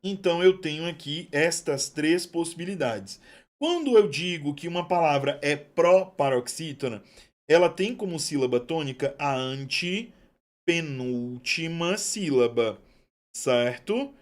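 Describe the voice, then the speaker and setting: A male teacher giving an online exam-prep lesson, chatty and affectionate, drawing out key terms slowly. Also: fairly high pitch, expressive.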